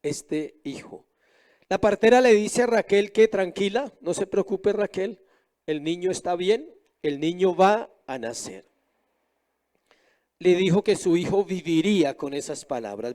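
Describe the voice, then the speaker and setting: A man's voice: sits high, a little mellow. A middle-aged male pastor preaching a sermon, often asking the congregation questions.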